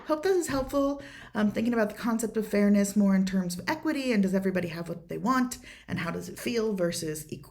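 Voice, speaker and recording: A woman's voice: fairly low pitch, gravelly, a little mellow. A woman hosting a podcast, talking earnestly in a casual personal monologue, rambling with many fillers and restarts. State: choked up with emotion at times. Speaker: podcast host answering a listener question.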